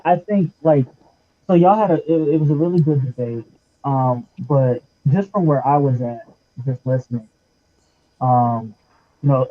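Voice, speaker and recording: Man in an online chat room, halting delivery, compressed low-sample-rate Bluetooth audio, dull and dry. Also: dry recording. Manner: halting, with repeated starts. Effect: muffled, compressed low-quality Bluetooth mic sound. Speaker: discussion participant. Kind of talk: casual debate commentary. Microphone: Bluetooth headset.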